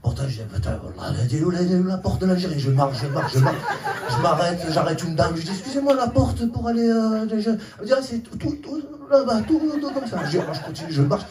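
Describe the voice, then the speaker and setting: A man tells a stand-up story in a chatty way and acts out the people in it. His voice sits high. He is recorded from a distance in an echoey club, over a loud laughing audience. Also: lively intonation, quick pace. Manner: chatty, acting out characters. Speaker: stand-up comedian. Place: comedy club stage. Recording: far-off mic, roomy hall with loud crowd.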